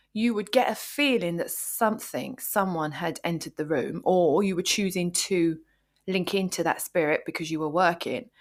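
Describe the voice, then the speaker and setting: A British woman co-hosting a podcast, leading a casual, playful chat and asking her co-host questions. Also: fairly low pitch. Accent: British English. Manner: lively, playful, asks questions.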